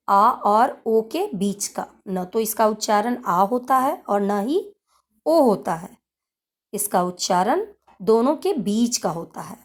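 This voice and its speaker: Woman, teacher, very slow and careful delivery, repeats herself, classroom lesson style. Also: mid-range voice. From India. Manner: slow, deliberate, repeats key points.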